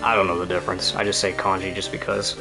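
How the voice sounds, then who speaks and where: This let's-play streamer talks in a rambling, casual way about his game, laughing often and swearing occasionally. His low-pitched voice has vocal fry and a completely flat delivery at a quick pace, with music in the background.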